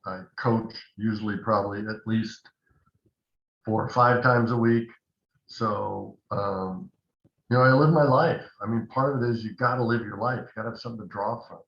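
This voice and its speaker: A man's voice: on the low side, moderate pace. Older man rambling over a phone line. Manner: rambling, anecdotal, many asides. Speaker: actor and acting coach. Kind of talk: casual interview storytelling. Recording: echoey dull phone line.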